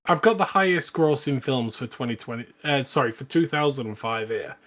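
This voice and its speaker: A man co-hosts a podcast and chats casually about films. His voice is medium-pitched and a little bright, and he talks briskly.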